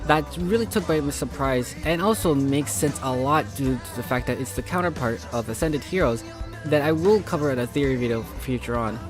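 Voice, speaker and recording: A man's voice: medium pitch, brisk, over music. A man casually presenting a fan video as its creator.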